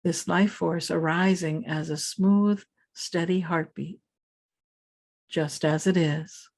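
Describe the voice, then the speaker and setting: Her voice fairly low and gravelly, a female meditation teacher leads a scripted guided meditation. She is calm and soothing, with measured delivery and pauses between phrases.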